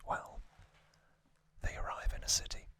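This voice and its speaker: Whispering without voicing his words, a man running an ASMR session retells a story breathily, pausing gently as he goes.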